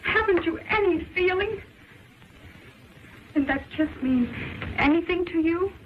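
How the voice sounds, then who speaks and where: A woman's voice: very high voice, lively intonation, a little slow. An actress playing an emotional, earnest young college woman in love in a stagey old movie style, on a muffled, noisy early film soundtrack. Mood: anxious, pleading. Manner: theatrical, earnest.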